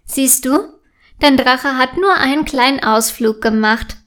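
A kind, calm storybook father with a gentle, reassuring way of talking, voiced by a woman reading aloud. The voice sits high and the delivery is slow and careful.

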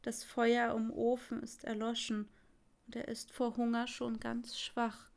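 Slow, calm woman reading a fairy tale. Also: on the high side, vocal fry. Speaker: storyteller. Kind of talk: scripted fairy-tale narration.

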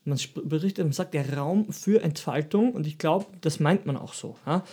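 Husky Austrian-raised man, rambling podcast chat. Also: a little high, moderate pace, warm tone. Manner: rambling, reflective, many restarts. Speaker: podcast co-host.

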